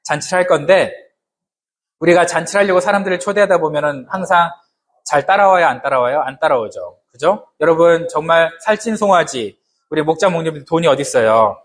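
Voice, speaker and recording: A man's voice: a little high, lively intonation, a little fast, a little hiss or hum. A man preaching a sermon to his congregation in a conversational way, often asking them questions and adding humorous asides. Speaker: pastor.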